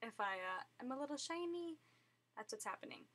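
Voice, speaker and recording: Casual young woman vlogger from SoCal, giggly filler-heavy chat, bright, slightly high voice. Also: animated, fairly quick, husky. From Southern California. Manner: chatty, giggly, lots of fillers.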